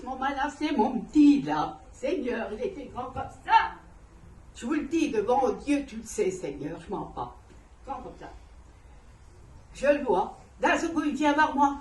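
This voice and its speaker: A woman's voice: high-pitched, far from the mic. Emotional woman giving testimony, echoey. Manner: emotional, rambling, laughs often while telling. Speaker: church member giving testimony. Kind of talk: spoken religious testimony. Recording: echoey room, voice from afar.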